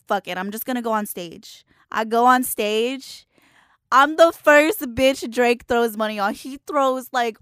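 A woman's voice: on the high side, clear, resonant tone, no room sound, clean studio sound. A woman in casual chat, telling her side of a story bluntly and with plenty of swearing. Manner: blunt, profane, laughs easily.

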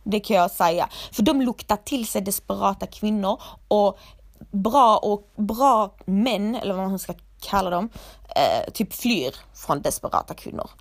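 A woman's voice: mid-range voice, lively intonation. A woman, giving casual, blunt advice straight to the listener, calling her "gumman" and swearing freely. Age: 20s. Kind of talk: casual advice talk to camera.

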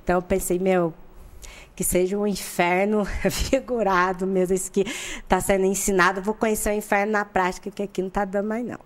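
A woman from Brazil, a podcast guest, telling a personal story in candid, informal chat and acting out the people in it. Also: brisk. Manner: animated, acts out the people in her story with sudden jumps in pitch; candid and informal, with slang and frequent laughter. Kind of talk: personal storytelling in a casual interview.

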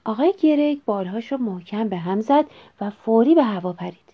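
Woman storyteller, fairly high voice, expressive reading, dull lo-fi sound. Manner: expressive, measured reading aloud. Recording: dull lo-fi recording.

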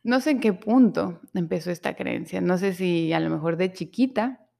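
Gravelly woman, candid storytelling. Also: fairly low pitch, moderate pace, warm tone. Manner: candid, emotional storytelling with self-quoted inner speech. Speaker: podcast host. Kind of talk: personal confessional monologue.

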